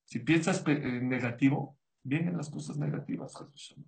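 A man giving a sermon as a rabbi, animated, acting out the voices he quotes. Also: on the high side, moderate pace, gravelly, poor audio.

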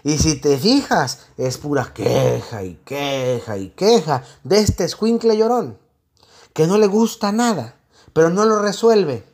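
A man's voice: a little high, a little mellow. A man with a Mexican accent, a psychologist giving a blunt, sardonic spoken monologue.

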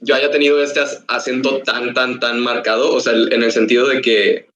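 A young man from Mexico talking in a relaxed, thoughtful way as a podcast guest. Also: medium pitch, normal speed, lo-fi sound. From Ciudad Victoria, Mexico. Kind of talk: casual podcast chat.

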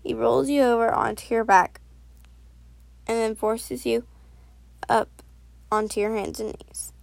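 Woman narrator, soft and unhurried, vocal fry, fairly high voice, dry close recording. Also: fairly even intonation, no room sound. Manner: soft, unhurried reading with self-corrections. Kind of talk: second-person audio story reading.

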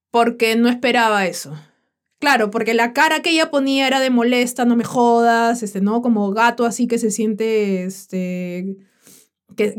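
A woman hosting a podcast, talking slowly and frankly in a reflective, colloquial monologue. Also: a little high. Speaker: podcast host.

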